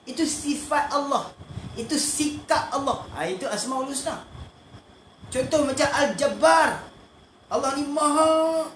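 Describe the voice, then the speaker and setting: A man's voice: very high-pitched, a bit bright. A man with a Malaysian Malay accent teaching an online religious class, often asking questions and answering them himself. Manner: asks and answers his own questions, repeats short fillers. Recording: echoey room, faint background noise.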